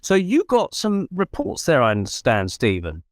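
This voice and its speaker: A man hosts a conversational radio interview. His voice sits at a medium pitch and is recorded dry, without room sound. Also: huge pitch swings, normal speed, no echo. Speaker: radio show host.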